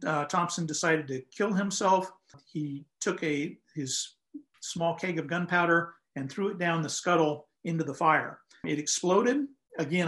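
A man's voice: on the high side, fairly bright tone. Older man explaining history on a video call. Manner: measured, explanatory, frequent "um" and "uh". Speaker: lighthouse historian guest. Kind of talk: conversational historical account. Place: home room, indoors.

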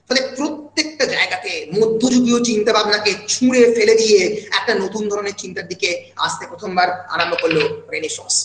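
Man, high voice, literature lecture, many "uh" fillers, roomy echo. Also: fairly bright tone. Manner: recites quotations with feeling. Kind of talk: online lecture mixing Bengali and English.

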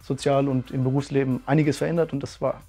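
A fast-talking man in his 30s with a mid-range, mellow, slightly rough voice and a level tone tells his story as a martial arts school owner in a testimonial interview. He's earnest and thoughtful, uses many fillers, and soft music plays as he sits indoors in a bright, curtained room.

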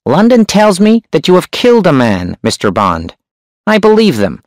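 A man voicing a shrewd, menacing hunchback crime boss with a sharp, high voice. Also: wildly swooping pitch, moderate pace, no room sound, clean studio sound.

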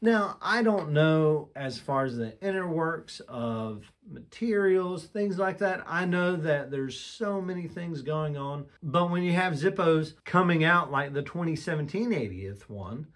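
In a casual product review vlog, a man with a slightly raised, somewhat bright voice shows off a collectible lighter from his display room. He's expressive and speaks at a measured pace, candid and enthusiastic, often breaking off and restarting sentences while he gathers his thoughts.

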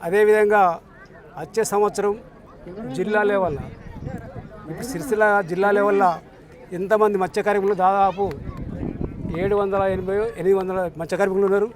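A man speaks in a fairly high voice at an outdoor lakeside event. He makes a formal speech, thanking officials by name. A faint crowd murmurs behind him. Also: level tone, fast, long pauses. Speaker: fishermen's community speaker. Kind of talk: formal public speech to reporters.

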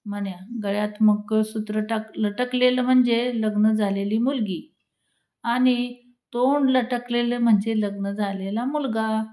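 A woman's voice: fairly high pitch, fairly even intonation, a little slow, warm tone. A woman reading a string of husband-and-wife jokes to her audience. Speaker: joke teller.

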